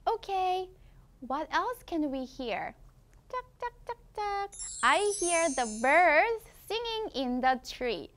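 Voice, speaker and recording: Korean-accented lady teacher reading a kids picture book, slow careful english, voice bouncing up and down. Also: sits high, animated, a bit bright, a little hiss or hum. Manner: slow, exaggerated English read-aloud with quick explanations in her own language. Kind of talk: bilingual storybook lesson for children.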